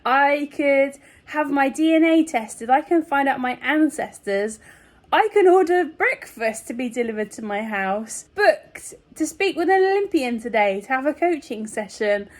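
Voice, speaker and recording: Speaking to her viewers in an informal video-diary style, a woman vlogger with a fairly high voice chats and meanders with a giggly manner. She sounds animated but unhurried.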